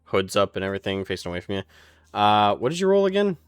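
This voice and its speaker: A man narrating as game master of a tabletop game, pausing often with fillers as he describes scenes. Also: on the low side, very animated, clean tone, no room sound, faint music behind. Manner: halting, filler-heavy descriptions.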